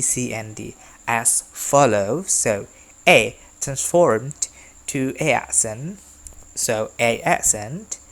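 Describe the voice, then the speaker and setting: Slow, methodical man teaching math in an echoey room. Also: mid-range voice, fairly bright tone. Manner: slow, methodical, reads out each step of the working. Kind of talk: step-by-step math lesson. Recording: roomy echo with long reverb.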